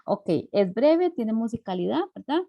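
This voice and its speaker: A woman teacher giving an online class, explaining slowly with many fillers and tag questions. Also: fairly high pitch, very animated, gravelly, no room sound, lo-fi sound.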